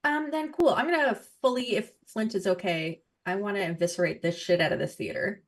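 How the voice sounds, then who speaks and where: A woman's voice: mid-range voice, a little fast. A woman playing a tabletop roleplaying game, casually improvising her moves in a theatrical, playfully self-satisfied way.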